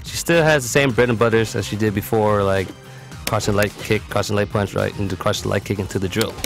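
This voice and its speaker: The speaker is a competitive gamer walking through a character guide in a lowish, creaky voice that stays steady and brisk. His explanatory commentary is casual and matter-of-fact, laid over game music.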